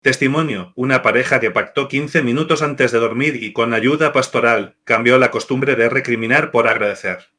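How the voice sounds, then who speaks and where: A man narrating scripted devotional marriage advice in an even, measured list-reading delivery. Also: mid-range voice.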